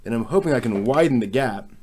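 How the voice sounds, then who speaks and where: Working on a DIY project, a man who hosts a workshop vlog thinks aloud casually, muttering tentatively and haltingly. His mid-range voice has lively intonation, while a power drill and clicking tools make the recording loud.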